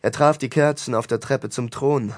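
A man narrating a fantasy audiobook in a measured, dramatic storytelling manner. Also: medium pitch, fairly even intonation.

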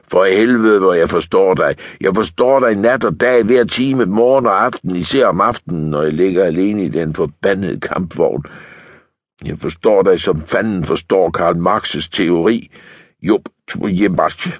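A man's voice: low voice, no room sound. A male audiobook narrator playing a bitter, coarse tank lieutenant who swears and talks bluntly.

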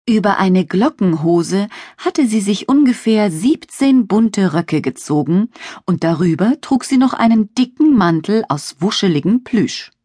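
A woman narrating a children's audiobook with expressive storytelling. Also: medium pitch, husky, dry recording, clean studio sound.

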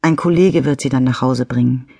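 A woman reading a calm, persistent female police detective who questions a witness firmly. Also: very deep voice, brisk, gravelly, no echo, heavily acted. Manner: firm, probing questions. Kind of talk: audiobook character reading.

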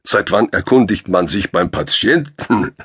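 A man's voice: low-pitched, animated, unhurried, fairly bright tone, breathy edge, exaggerated voice. A man voicing a huge, good-humored male spacer who teases in friendly banter. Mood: amused teasing. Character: giant good-humored male spacer, deep-voiced and teasing.

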